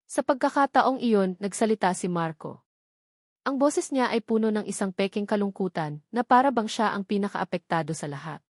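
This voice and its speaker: Expressive and darkish in tone, a mid-range female voice with a Filipino accent narrates a scripted dramatic story at a moderate pace. The clean studio sound has no room sound.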